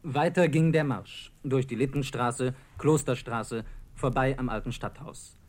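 A man's voice: medium pitch, measured pace, a little mellow. Man narrating a radio documentary. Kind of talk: scripted narration.

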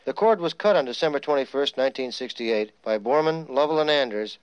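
A man's voice: mid-range voice, brisk, slight background noise. A man reading a scripted documentary narration in a wry, storytelling manner. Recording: slightly dull sound, music behind.

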